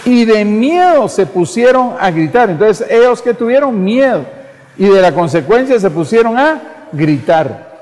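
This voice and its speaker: In a church with hall reverb, a Guatemalan pastor delivers a fervent sermon, repeating phrases and addressing listeners as brother. His voice sits high with a darkish tone, and his delivery is sing-song and unhurried.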